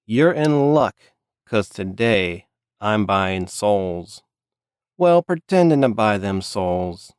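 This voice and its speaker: An odd schoolgirl who can't leave people alone, pitching a soul-buying deal in a breezy way, as a man puts her on. The voice sits low and smooth, recorded dry and close for a tabletop game podcast. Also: expressive, takes it slowly, no echo. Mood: pushy. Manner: pestering, breezy sales pitch. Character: odd pushy schoolgirl who buys souls.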